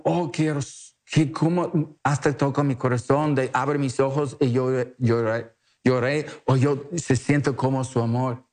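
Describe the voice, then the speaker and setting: A man preaching a televised sermon in an earnest, emotional way, with simple, halting phrasing. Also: on the high side.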